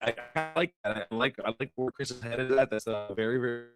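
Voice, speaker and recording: A man doing lively live commentary on a card game match, chatty and quick to laugh. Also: medium pitch. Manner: excitable, chatty, laughs often. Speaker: caster.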